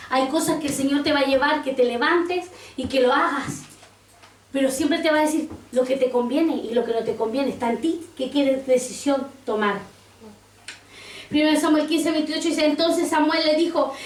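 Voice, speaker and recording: A woman pastor with a high, ringing voice preaches a sermon, reading scripture aloud and putting questions to the congregation. The sound is roomy and distant, as though picked up from across a church.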